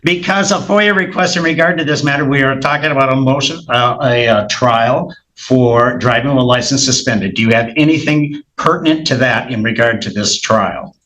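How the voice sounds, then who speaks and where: Firm, halting male judge. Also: medium pitch, fairly bright tone, rough recording. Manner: firm, halting, repeats himself. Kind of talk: courtroom proceedings.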